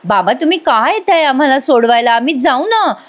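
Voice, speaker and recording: A woman plays a sly young schemer with a sweet, falsely polite tone. The voice is pitched a little high and delivered lightly. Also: big pitch swings, brisk. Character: sly young woman sweet-talking her father-in-law.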